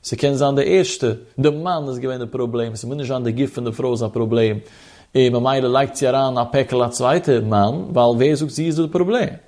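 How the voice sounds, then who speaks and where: A man giving a traditional religious text lesson, reading passages aloud and explaining them in a sing-song lilt, with a gravelly voice. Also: medium pitch, brisk, a little mellow. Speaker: religious teacher.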